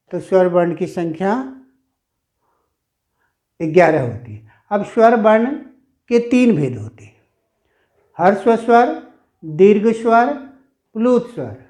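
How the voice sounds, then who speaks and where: A man's voice: sits high, mellow. A male teacher explaining grammar in a classroom lesson, repeating himself and stretching out sounds as he demonstrates them. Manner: slow, repetitive explaining, stretching sounds aloud.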